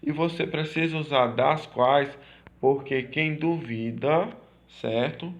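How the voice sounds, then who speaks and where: A man teaching a grammar lesson, repeating points and checking in with quick tag questions. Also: on the high side, muffled recording. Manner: repetitive, checks in with "certo?" and "tá?".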